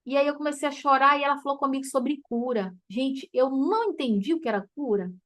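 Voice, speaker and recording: High-voiced Brazilian woman mentor. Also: a little fast, a bit bright. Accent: Brazilian Portuguese. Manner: chatty and emotive, addressing listeners as "gente", laughs often. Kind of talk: informal teaching talk to a group.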